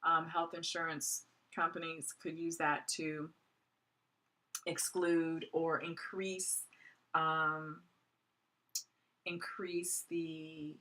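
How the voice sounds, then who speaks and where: A woman's voice: sits low, sharp tone. A woman in her forties giving a recorded course lecture in a conversational way, with many "um" fillers. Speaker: college lecturer.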